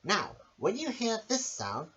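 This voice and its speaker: A woman reads a children's story aloud on her own channel, theatrical and emphatic, occasionally tripping over words. Her medium-pitched, fairly bright voice swings hugely in pitch at a slightly slow pace, and the home recording is muffled and hissy.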